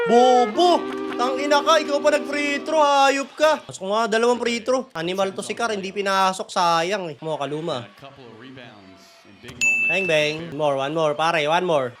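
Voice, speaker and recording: Hoarse man reacting to basketball. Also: sits high. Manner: excitable, swears often, shouts at players. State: hoarse from the flu. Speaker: fan watching and reacting to a basketball game. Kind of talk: live game reaction commentary.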